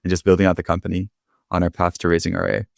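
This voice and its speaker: Young guy, deep voice, rambly with lots of ums, dry sound, calling in from home. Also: very fast, creaky, no echo. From California, Bay Area. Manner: relaxed, rambling, many fillers. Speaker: startup founder guest. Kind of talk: casual interview chat. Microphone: remote call.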